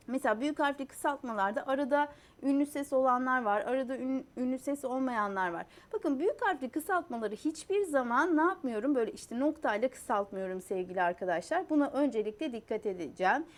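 A woman's voice: high-pitched, expressive, brisk. A young adult woman teaching a lesson on spelling rules. She asks rhetorical questions, repeats key points and spells out letters one by one. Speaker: Turkish language teacher.

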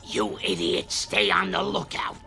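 A woman's voice: on the low side, big pitch swings, a little slow, creaky, full character voice. A woman voicing a boastful, mocking alien villain commander in a game cutscene, with a sneering, taunting delivery. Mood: gloating. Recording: loud game music behind.

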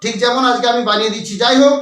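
A man's voice: very high voice, fairly even intonation, rapid-fire, a bit bright. A man teaching a YouTube language lesson, repeating himself and spelling words out letter by letter. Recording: echoey room.

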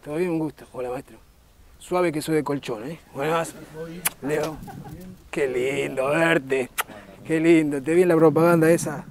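A man's voice: on the high side, steady tone, unhurried, pauses often, darkish tone, pitched below the performer's own voice. A man voicing a cheeky male puppet with a Rioplatense Argentine accent, greeting a crowd with crude, teasing banter.

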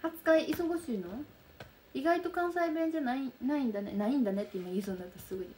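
A young woman with a soft Kansai accent chatting casually on a livestream, reading out and answering viewer comments. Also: high-pitched, quick pace. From Kansai region of Japan. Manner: soft, bubbly, chatty with frequent laughs. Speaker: livestream host. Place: room lit by daylight.

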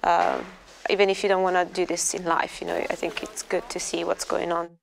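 A woman's voice: fairly low pitch, level tone, a little fast, gravelly, a little hiss or hum, rough recording. A woman in her twenties from Australia, a volunteer speaking reflectively in a large warehouse. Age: 20s. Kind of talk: interview.

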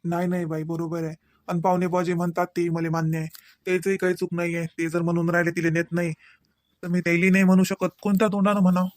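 A man voicing a gentle forgiving father-in-law. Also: sits high, level tone, quick pace, no echo, studio quality, close to an everyday voice. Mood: consoling. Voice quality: gentle, consoling.

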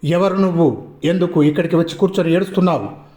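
A man voicing a calm, firm male police inspector who questions in a level, commanding way. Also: a little high, fast, close to an everyday voice. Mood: stern. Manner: coaxing, then stern and commanding. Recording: roomy echo.

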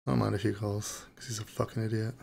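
A man's voice: lowish voice, flat delivery, quick pace, vocal fry, a little mellow, a little hiss or hum. A man streaming online poker, talking through his hands in a casual, profane mutter. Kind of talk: live poker commentary.

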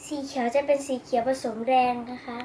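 A woman's voice: high voice, little pitch movement, fairly quick, warm tone, a little hiss or hum. A female speaker presenting a casual product review, politely addressing viewers. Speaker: toy reviewer.

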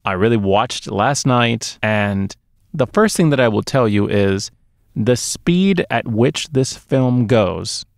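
Taking it slowly with vocal fry, a middle-aged co-host's mid-range, expressive voice carries an emphatic, casual chat about movies. He sits close to a boom-arm podcast mic in a small dark sound-treated booth, and the recording is dry.

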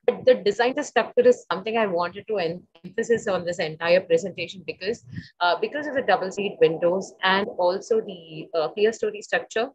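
A woman presents a library's building in a webinar over a video conference call. She explains at length and often pauses to search for her words. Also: mid-range voice, slightly rough, no room sound. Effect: video conference call audio that drops out at times. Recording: dull dry video-call audio.

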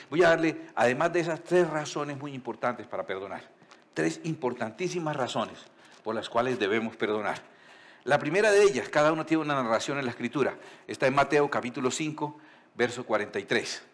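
Expressive preacher. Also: male voice, on the high side. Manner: expressive, shifts between slow emphatic reading and quick asides. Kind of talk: sermon reading and explaining scripture.

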